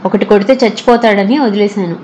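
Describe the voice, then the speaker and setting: A curt, protective young man, as a woman narrator puts him on, clipped and gruff. The voice stays close to the storyteller's own, with faint noise underneath. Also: mid-range voice, brisk, mellow, lo-fi sound, lightly acted.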